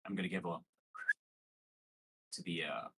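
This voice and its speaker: A man playing a tabletop game, planning moves casually in a halting, tentative way. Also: low voice, pushed and bright, slight background noise, poor audio.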